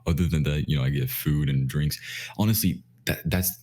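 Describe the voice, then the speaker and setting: Very deep-voiced man, casual chat. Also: brisk, darkish tone. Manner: stammering restarts, says "bro" a lot. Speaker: podcast co-host.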